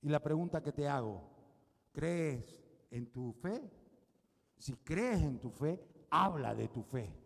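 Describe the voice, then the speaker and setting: High-pitched pastor guy preaching, keeps repeating lines and asking for amens, big church echo. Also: animated, slow, creaky, long pauses. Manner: emphatic preaching, repeating phrases and calling for amens. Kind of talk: sermon.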